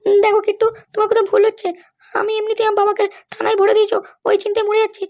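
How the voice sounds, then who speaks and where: Brief: a woman doing a meek cartoon wife, very high voice, quick pleading delivery. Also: completely flat delivery, darkish tone. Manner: pleading, protesting innocence. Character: pleading, put-upon young wife. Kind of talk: cartoon voice acting.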